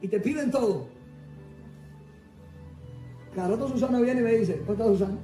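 Man preaching, high voice, fervent, shouting bursts, echoey hall, music behind. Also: moderate pace, distant mic. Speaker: pastor. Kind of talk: sermon.

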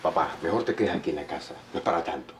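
A soothing young son. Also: male voice, extremely low pitch, expressive, rapid-fire, a little hiss or hum. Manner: soothing, placating. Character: young son calming his anxious father. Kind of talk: telenovela acting.

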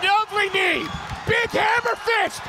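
A man commentates live on a fight with excitement. His voice sits extremely high for a man. A noisy crowd surrounds it. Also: unhurried.

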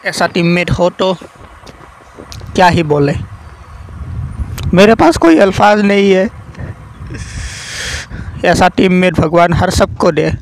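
A man giving casual, excitable gameplay commentary, swearing and yelling at his teammates as he plays. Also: high voice, slow pace, long pauses, a little hiss or hum, poor audio. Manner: excitable, swears and yells at teammates mid-game. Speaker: gaming commentator.

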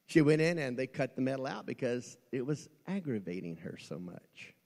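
A middle-aged male pastor preaching a folksy sermon, swinging from quiet asides to shouting, recorded in a church. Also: medium pitch, sing-song, moderate pace, gravelly. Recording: long church reverb.

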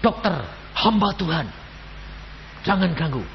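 An elderly man voicing a frantic armed guerrilla who shouts from the dark. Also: high-pitched, lively intonation, unhurried, creaky, big-room sound, muffled recording, a little hiss or hum, voice pushed up, exaggerated voice. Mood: shouting.

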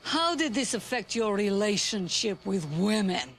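Doctor Shrinkman, slow smug shrink. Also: medium pitch, expressive, fairly bright tone. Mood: soothing clinical. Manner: slow soothing hypnotist patter. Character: smug clinical stage psychiatrist, squeamish. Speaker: psychiatrist. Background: music underneath.

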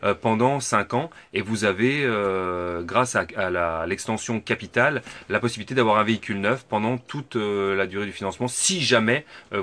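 Guy at a camper van show stand explaining loans, lots of euhs, lowish voice. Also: sharp tone. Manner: hesitant, many fillers and restarts. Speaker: camper van financing advisor. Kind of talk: casual explanatory chat.

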